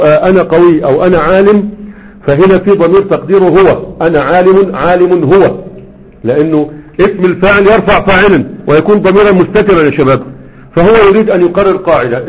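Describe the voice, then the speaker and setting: His voice sits high with a breathy edge as this Egyptian Arabic-accented grammar teacher walks through a lesson. He keeps re-explaining and quizzing students rhetorically, and the recording is tinny, like a phone.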